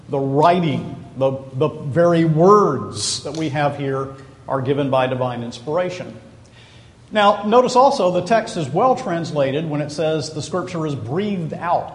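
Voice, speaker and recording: Guy preaching in a big echoey church, slightly high voice, hammers words home. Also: darkish tone. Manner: emphatic, repeats key words slowly for stress. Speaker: pastor. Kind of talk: sermon. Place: church sanctuary.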